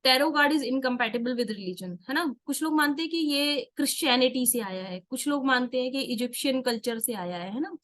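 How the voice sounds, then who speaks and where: High-voiced Indian woman teaching tarot. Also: expressive, fairly quick, few pauses, a bit bright. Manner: explains step by step, asks and answers her own questions; mixes Hindi with English words. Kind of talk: online workshop lesson.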